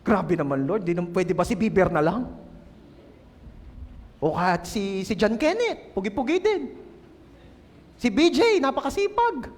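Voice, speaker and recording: A man's voice: big pitch swings, unhurried, long pauses, exaggerated voice. A man doing a squealy, flustered churchwoman. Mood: reluctant. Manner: high, squealing, whiny. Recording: reverberant church hall.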